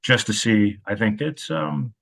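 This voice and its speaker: A man in his thirties, a football coach and podcast guest, speaking reflectively and haltingly with many filler sounds. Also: mid-range voice, creaky, a bit bright. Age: 30s. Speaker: wide receivers coach. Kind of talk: podcast interview.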